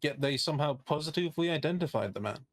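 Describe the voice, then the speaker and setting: A man's voice: on the high side, expressive, quick pace, no echo. A man playing a skeptical, indignant defense lawyer in a role-play game, giving a courtroom closing argument with pointed, sardonic rhetorical questions. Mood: sardonic, incredulous.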